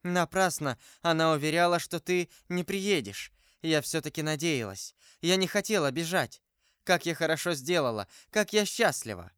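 Man reading as a frail young woman in a storybook, high and trembling, pleading in a smooth, clear voice. The voice is dry and close. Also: lively intonation, moderate pace, fairly bright tone, dry recording. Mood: joyful. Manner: pleading, emotional.

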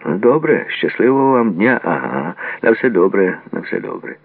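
A curt, guarded gamekeeper read by a man in a very deep, gravelly voice. He answers in short, clipped phrases. The sound is thin and lo-fi, as if heard over a phone line. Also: sing-song, moderate pace, dry recording, exaggerated voice. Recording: tinny phone-like lo-fi audio.

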